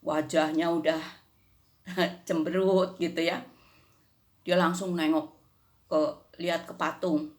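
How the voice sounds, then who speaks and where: A woman's voice: lowish voice, flat delivery, slow pace, pauses often, darkish tone. An older woman recounting a faith experience in an easy, conversational manner. She drops in little tag questions and acts out the dialogue as she goes. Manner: conversational, frequent "gitu ya" tags, acts out dialogue. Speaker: churchgoer giving testimony. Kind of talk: personal faith testimony.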